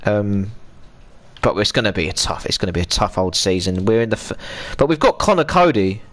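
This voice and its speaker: A gaming streamer chats loosely through live gameplay in a lowish, expressive, fairly bright voice at a slightly fast clip. He rambles in a chatty way and keeps cutting himself off mid-sentence.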